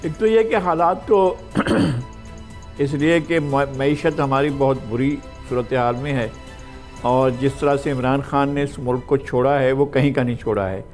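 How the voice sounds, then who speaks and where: An older man from Pakistan, speaking as a political commentator on a TV panel in a measured way, pausing often with drawn-out fillers. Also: medium pitch, a little mellow, faint music behind. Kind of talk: TV panel discussion.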